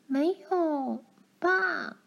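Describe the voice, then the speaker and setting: Woman doing a high bold little girl, spunky, talks back, bouncy lively pitch. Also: extremely slow, vocal fry, lo-fi sound, exaggerated voice. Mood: fibbing.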